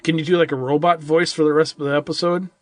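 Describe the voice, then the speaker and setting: A man's voice: on the high side, flat delivery, quick pace. A man co-hosting a casual movie-review podcast, rambling and loose, with lots of "like" and "I mean". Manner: rambling, full of "like" and "I mean", restarts a lot. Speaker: podcast co-host.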